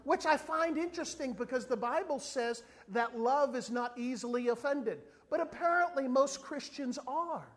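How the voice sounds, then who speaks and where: A very high-voiced evangelist moves at a moderate pace with hardly any pauses through his sermon. Not from South Africa, he relates a comic story in a lively way, taking on the other characters' voices for a moment.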